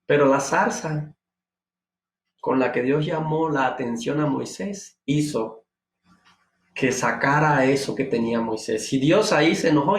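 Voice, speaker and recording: A man preaching a devotional sermon, asking emphatic rhetorical questions and rising to high exclamations. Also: a little hiss or hum. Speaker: pastor. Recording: echoey room.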